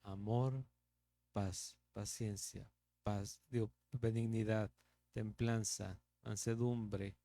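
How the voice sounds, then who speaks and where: A man's voice: on the low side, fairly even intonation, takes it slowly, gravelly, mellow, dry recording. A man with a Mexican Spanish accent teaching the Bible verse by verse as a pastor, in a conversational preaching manner with rhetorical questions.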